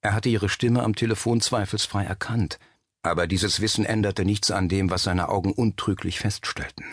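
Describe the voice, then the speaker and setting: A man reading a suspense novel aloud as narrator, measured and steady. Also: fairly low pitch, no echo, clean studio sound. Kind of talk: scripted audiobook narration.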